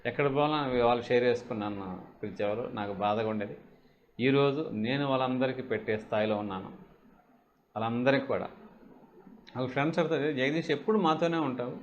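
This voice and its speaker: A man's voice: medium pitch, brisk, pauses often. A man talking emphatically about a colleague's rise in real estate, repeating phrases and acting out quoted dialogue. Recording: dull lo-fi audio with faint ambience.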